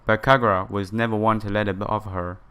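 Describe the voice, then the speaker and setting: Quick and level, this YouTuber's fairly low voice has a sharp, clean tone. He's doing a laid-back let's play of a visual novel, reading the text aloud with asides and occasional stumbles, while game music plays behind him.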